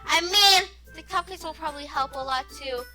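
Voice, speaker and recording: A woman's voice: high-pitched, brisk, pushed and bright, soft background music. A woman voicing a bossy teenage girl who gives blunt, grudging encouragement, read aloud from a visual novel.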